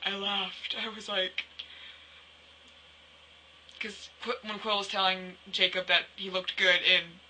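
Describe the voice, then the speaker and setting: Teen girl vlogger, excitable rambling storyteller, very bright voice. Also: medium pitch, slow, long pauses, a little hiss or hum, poor audio. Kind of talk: casual vlog chat.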